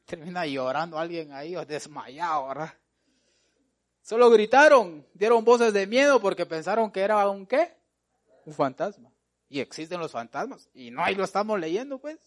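A man preaching a sermon in a voice pitched somewhat high. He keeps firing rhetorical questions at the congregation. His delivery moves from loud, urgent exhortation to soft, stretched-out asides. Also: expressive. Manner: swings between loud exhortation and quiet, drawn-out asides.

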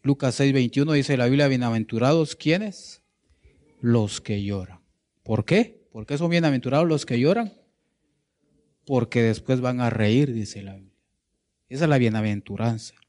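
A man's voice: mid-range voice, normal speed, a little mellow. Man preaching, full of questions. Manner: asks the congregation rhetorical questions, repeats "¿verdad?"; searches for words mid-sentence. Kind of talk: sermon.

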